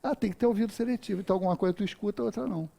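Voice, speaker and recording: A man in his fifties delivers a laid-back, comic talk of personal anecdotes at a spiritist center, physically acting out what he did. He speaks very fast in a high-sitting, gravelly, warm voice.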